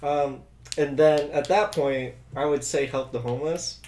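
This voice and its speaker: A man's voice: fairly high pitch, unhurried, darkish tone, echoey room, slight background noise. A young man co-hosting a podcast, chatting casually in a hesitant way and making puns. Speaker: podcast co-host. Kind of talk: casual chat.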